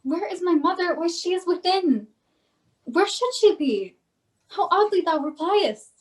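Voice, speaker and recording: A woman's voice: very high voice, animated, measured pace, recorded from a distance, rough recording. A woman reading an impatient, pleading young girl in love, in an amateur Shakespeare reading.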